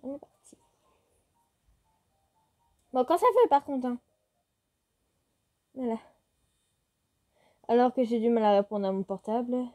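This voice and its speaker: A woman's voice: on the high side, a little slow, long pauses, mellow, highs cut off. A woman reading a romance visual novel aloud, reacting and cursing casually as she plays. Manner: swears casually, outspoken reactions. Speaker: let's-play streamer.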